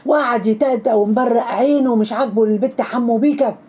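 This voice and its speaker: A woman with an Egyptian accent rattles off gossip commentary at a rapid clip. Her voice sits a little high but mellow. She is sarcastic and mocking throughout. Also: slight background noise. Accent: Egyptian Arabic.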